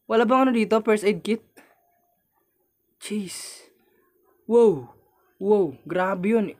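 A young man with a Filipino accent, his voice a touch high, talks casually to his viewers as he plays a horror game. He is jumpy, bursting into shouts and nervous laughter when something startles him, then going back to chatty commentary. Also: measured pace. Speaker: gamer playing a horror game.

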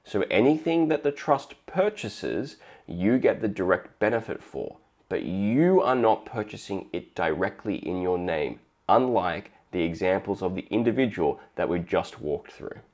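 Lowish-voiced Australian man explaining finance. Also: unhurried, hardly any pauses. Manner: steady explanatory, acts out little dialogues. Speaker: finance video host. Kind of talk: explainer monologue.

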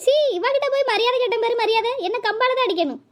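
Woman doing a squeaky cranky granny. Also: animated, quick pace. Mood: scolding. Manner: scolding, huffy, complaining. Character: cranky old village grandmother, easily offended. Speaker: mother-in-law. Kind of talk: cartoon comedy voice acting.

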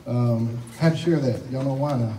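A man, a pastor telling a lively testimony story to his church, laughing often as he talks. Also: mid-range voice, moderate pace, heavy background noise. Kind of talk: sermon testimony. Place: church sanctuary. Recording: echoey hall, from far off.

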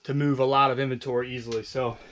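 A man's voice: medium pitch, level tone, fast, a bit bright. A man casually walking through his basement resale stock in a vlog, loose and rambling with lots of fillers. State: out of breath. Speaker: online reseller vlogger. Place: home basement storage room.

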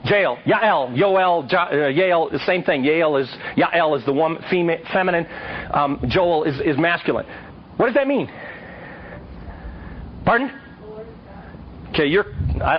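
A man teaching a live audience, telling Bible stories in a lively way and quizzing his listeners. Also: fairly high pitch, slight background noise. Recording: dull lo-fi recording.

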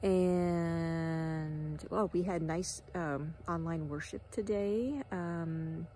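Her voice is fairly low, mellow and very slow, with a little hiss or hum in the background. She's a wellness guide in her forties, chatting outdoors by a travel trailer at a ranch into a phone held at arm's length, meandering with many fillers and sometimes whispering.

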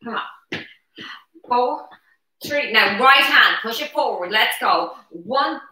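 A woman coaches a workout in a high voice, counting reps in short, energetic cues. Her delivery is unhurried, with slow gaps between encouraging calls. She is recorded a little way from the microphone in a strongly echoing room. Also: a little hiss or hum. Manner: energetic, encouraging while exercising. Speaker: aerobics instructor leading chair exercises. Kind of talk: live fitness class coaching. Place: brick-walled living room at home. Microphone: camera a few metres away. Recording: roomy echo, distant camera microphone.

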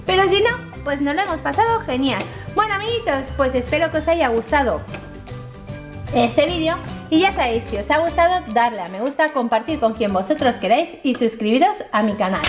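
A woman with a very high, squeaky, sing-song voice narrates toy play for children. Her accent is from Spain, and her delivery is cutesy and exclamatory. Music plays behind her. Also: lively intonation, a little fast. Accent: Spain Spanish. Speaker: host of a children's toy video channel.

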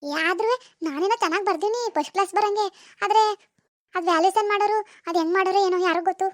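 A woman's voice: extremely high pitch, racing, dry recording, studio quality. A woman voicing an anxious teenage village girl in a cartoon, pleading in a rural Karnataka Kannada accent. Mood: defensive. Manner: pleading, repetitive, dramatic. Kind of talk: cartoon voice acting.

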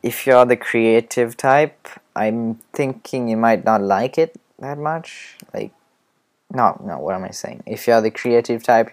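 In a fairly low voice, a man gives a casual screen-recorded animation tutorial. He rambles and hesitates, often muttering quiet asides to himself.

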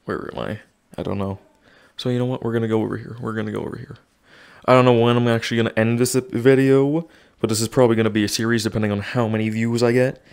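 A man's voice: mid-range voice, steady tone, fast talker, creaky, a little mellow, smooth. A young man commentating his own VR gameplay, out of breath, narrating every move and muttering to himself. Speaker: gaming YouTuber. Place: home room with desk.

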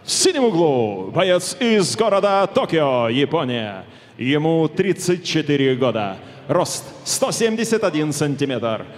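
Casting note: male boxing ring announcer, big swooping showman delivery, long arena reverb. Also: very animated. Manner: booming, drawn-out showman delivery. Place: large indoor fight arena. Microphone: handheld microphone.

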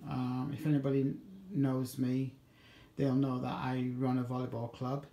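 Filmed handheld on a phone in an echoey home kitchen, a ham radio vlogger demonstrates something off the cuff, hesitant and rambling, fixing his own mistakes as he talks. His medium-pitched voice is gravelly yet warm, a little slow, with little pitch movement.

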